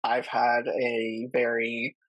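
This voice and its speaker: A young woman co-host speaks slowly and unhurriedly in a relaxed podcast chat. Her voice is gravelly with some fry. The recording is close and dry. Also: a bass voice, no room sound.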